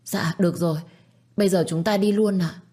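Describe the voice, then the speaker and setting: A woman's voice: lowish voice, steady tone, fairly quick, mellow, pitched above the performer's own voice, lightly acted. A woman voicing a timid young village woman who pleads and begs. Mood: pleading. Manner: pleading, tearful begging.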